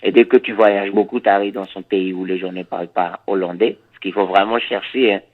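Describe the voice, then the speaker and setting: With a low voice and a steady tone, a male reggae musician from Suriname whose first language is Dutch answers interview questions in a hesitant, thoughtful manner, repeating words often. The audio resembles a phone call.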